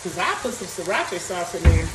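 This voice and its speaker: Over sizzling and stirring in a pan, this woman, a cooking vlogger, talks casually while she cooks at home, musing aloud and reading recipe steps. She has a lowish voice, very animated and a little fast. The kitchen is echoey, the mic is distant, and frying noise is audible.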